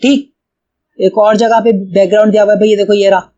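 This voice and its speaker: Here a man from Pakistan, with a Pakistani Urdu accent, talks briskly through a coding tutorial recorded from his screen. His high voice is mellow and flat in delivery, the sound is muffled, and he thinks aloud casually while saying "bhai" to the viewer again and again.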